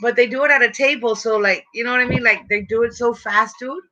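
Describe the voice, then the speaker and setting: Young female, casual stoner chat, slang and swearing, sharp tone, dull home recording. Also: a little high, fairly even intonation, fast. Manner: slangy, profane stoner talk. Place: small dim bedroom indoors.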